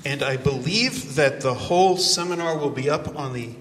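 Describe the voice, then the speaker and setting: An older American man preaching with jokes, pausing for an interpreter in a church. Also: a little high, a bit bright, a little hiss or hum. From United States. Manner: joking, pausing for translation. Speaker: visiting preacher. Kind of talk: sermon with live interpreter. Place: large church hall. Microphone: handheld or headset mic, walking about. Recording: echoey church hall, faint ambience.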